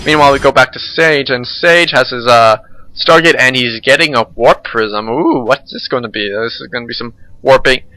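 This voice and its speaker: A man's voice: medium pitch, moderate pace, sharp tone, dry recording, low-quality recording. A young man casually commentating a strategy game replay, joking and sarcastic.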